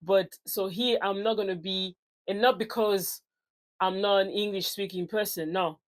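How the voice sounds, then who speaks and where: Speaking with a medium-pitched voice, fairly even intonation and a moderate pace, this woman in her forties chats to camera as a personal trainer. Raised in France, her English carries a French accent blended with African influence. The talk is unscripted and loose, with plenty of fillers and self-corrections.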